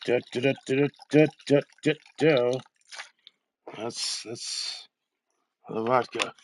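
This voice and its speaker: A man's voice: mid-range voice, takes it slowly, slight background noise. A man in casual gaming livestream chat, talking in a rambling, profane way.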